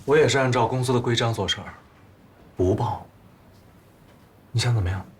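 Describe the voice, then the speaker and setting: An actor playing a sleazy, spiteful male office supervisor who sneers and shouts denials. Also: mid-range voice, a little fast, slight background noise, natural voice. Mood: sneering.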